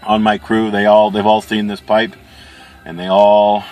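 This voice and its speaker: Casting: male vlogger, fairly low voice, relaxed rambling review delivery with pauses. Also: soft background music. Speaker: pipe-smoking video reviewer. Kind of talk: casual chat product review.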